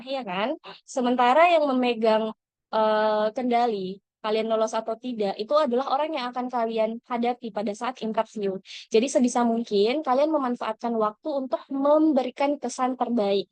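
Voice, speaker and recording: A woman's voice: fairly high pitch, a little mellow, no echo. A woman mentoring scholarship applicants in an online lesson, speaking encouragingly to the audience with frequent fillers and self-corrections.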